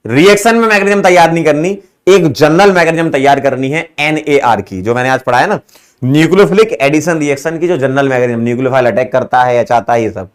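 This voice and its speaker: Speaking quickly and smoothly in a fairly high voice, this male chemistry teacher winds down his online class with casual banter. He's playful and jokey, laughing often and addressing students as "beta" and "bhai."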